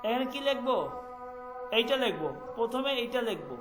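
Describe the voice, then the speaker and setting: A man teaching an online Farsi class, slowly repeating words and checking that students follow. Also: very high-pitched, very animated, loud music behind the voice, low-quality recording. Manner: slow, repetitive, asks students to repeat. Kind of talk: online language class in Bengali.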